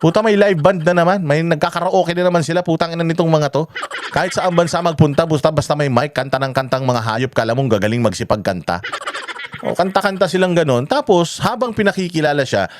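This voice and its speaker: A man's voice: on the high side, slight background noise. Fiery, profane Filipino man ranting. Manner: profane, heated and mocking, mixes Tagalog with English. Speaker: political commentary host. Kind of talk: ranting political vlog commentary.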